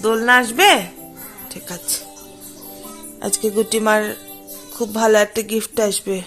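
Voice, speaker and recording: A woman's voice: fairly high pitch, fairly even intonation, a little slow, fairly bright tone, faint music behind. A woman in her thirties talking to her young children in a home vlog, switching between sing-song baby talk and playful scolding. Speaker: mother.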